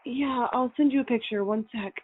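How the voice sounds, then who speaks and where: A woman's voice: fairly high pitch, normal speed, husky. A woman playing a curt, impatient burglar reporting over a muffled phone line in an audio drama.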